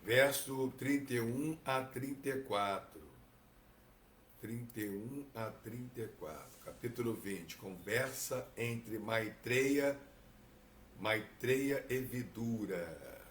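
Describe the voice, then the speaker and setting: A man with a Brazilian Portuguese accent teaching from scripture, relaxed and digressive, often adding tag questions. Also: mid-range voice, slow, roomy sound, slight background noise. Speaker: Bhagavatam teacher. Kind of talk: reading and commentary on scripture.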